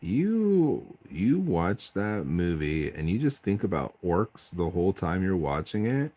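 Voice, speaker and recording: A man with a deep bass voice, chatting casually on a late-night stream at home while he paints miniatures, rambling and restarting his sentences. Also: very animated, unhurried, darkish tone. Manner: rambling, self-interrupting, chatty. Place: at home at night, family asleep.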